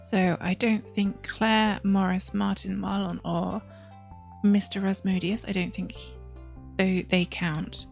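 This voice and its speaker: A woman hosting a let's play, chatting casually through her game and sometimes dropping into soft whispered asides. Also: medium pitch, little pitch movement, slow pace, gravelly, faint music behind.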